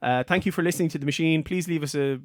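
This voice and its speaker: A man's voice: a little high, very fast, dry recording. Middle-aged male podcast host, loose chatty delivery, dry close mic. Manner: rambling, self-interrupting storyteller. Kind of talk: casual panel chat.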